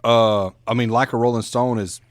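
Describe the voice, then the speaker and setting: A man's voice: medium pitch, steady tone, moderate pace, crowd noise. A man in his forties co-hosting a casual podcast chat, an opinionated music buff who calls himself a snob. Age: 40s. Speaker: podcast co-host.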